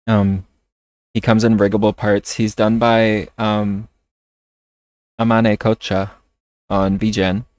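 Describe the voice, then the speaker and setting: A man chatting casually on a livestream while playing a game, talking in a hesitant, halting way. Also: fairly low pitch, level tone, a little mellow, dry recording. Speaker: streamer. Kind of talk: casual livestream chat over gameplay.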